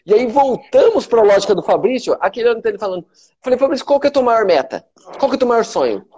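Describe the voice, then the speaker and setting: A man's voice: very high voice, big pitch swings, fast, a little mellow, slightly rough, muffled recording. A man with a Brazilian Portuguese accent hosting a motivational live stream, emphatic and repetitive, swearing freely. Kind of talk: motivational live talk to followers.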